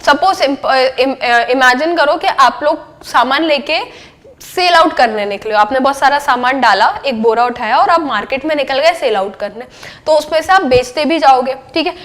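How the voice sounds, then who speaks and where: A young woman with a high, bright voice gives a lecture on accountancy. She keeps asking the class questions and then answers them herself, and she slips English terms into her sentences. Her delivery is patient and explanatory. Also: moderate pace. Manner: mixes English terms into Hindi speech. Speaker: accountancy teacher.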